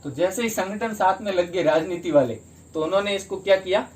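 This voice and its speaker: A man's voice: high voice, brisk. A man teaching a history lesson for exam prep in Hindi, explaining step by step and asking and answering his own questions.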